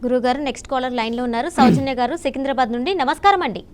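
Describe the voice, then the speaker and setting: A woman anchor introducing callers to the astrologer, brisk and polite. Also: high voice, clean tone. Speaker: show anchor.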